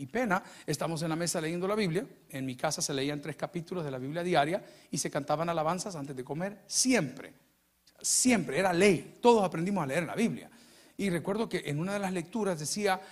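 A middle-aged man from El Salvador with a Salvadoran accent, preaching a lively sermon as a pastor, telling stories and acting out the dialogue. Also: a little high. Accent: Salvadoran Spanish. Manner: animated storytelling, acting out dialogue, jokes. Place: church sanctuary.

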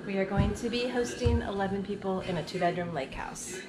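A woman's voice: medium pitch, a little fast, crowd noise. A middle-aged woman chatting casually through a home-renovation vlog, upbeat and rambling with ums. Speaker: family vlogger. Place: small lake house, indoors and in the yard. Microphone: handheld camera at arm's length.

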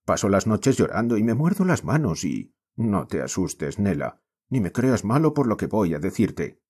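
A man's voice: fairly low pitch, very animated, normal speed, a little mellow, husky. A man with a Spain accent voicing a restless, despairing mining boy in an audiobook, with impassioned, frustrated outbursts. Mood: desperate, pleading. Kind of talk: audiobook character reading.

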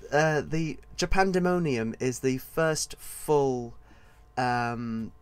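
Male author-host, mid-pitched, casual solo podcast talk, rambles and digresses freely.

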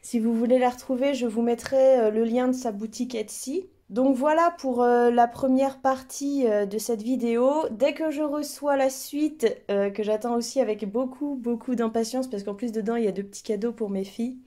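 A woman in her thirties chats through an unboxing, eager and gushing, with lots of little fillers and restarts. Her voice sits a little high. The tone is soft and mellow rather than bright. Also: normal speed, hardly any pauses. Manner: enthusiastic, many fillers and restarts. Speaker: vlogger. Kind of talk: casual unboxing chat.

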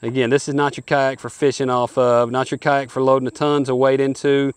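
Outdoors at a lake, a forty-something hunting-show host walks through a product review of kayaks with folksy, upbeat sales patter. His mid-range voice sounds flat, brisk, and smooth, in a dry recording.

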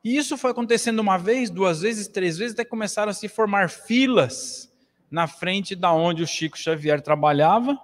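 A man's voice: high voice, moderate pace. A man in his forties with a Brazilian accent, giving an earnest spiritist lecture at a lectern with expansive gestures, speaking into a stand mic in a small hall. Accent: Brazilian Portuguese. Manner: earnest, preaching with wide gestures. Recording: long hall reverb.

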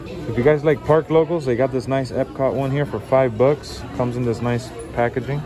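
A man's voice: medium pitch, fairly even intonation, normal speed. A man casually chatting while filming a shopping vlog, pointing out prices as he walks around. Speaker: vlog host. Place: large indoor retail store. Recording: store music playing behind.

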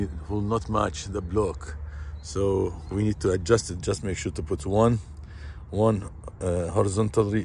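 A man walking a construction site and explaining the work in plain, halting, repetitive phrases, recorded on a handheld phone outdoors. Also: on the low side, a little mellow, a little hiss or hum. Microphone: phone camera held by the speaker.

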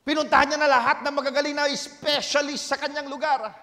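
A male pastor preaching a sermon in Tagalog and English, swinging between shouted exhortation and hushed storytelling, with frequent amens. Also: very high voice, little pitch movement, a little fast, gravelly, big-room sound. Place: church.

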